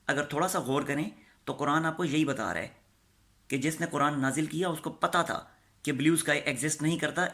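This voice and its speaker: Bright-voiced man arguing a lecture point. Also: a little high. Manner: argumentative, poses rhetorical questions. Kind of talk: lecture rebuttal.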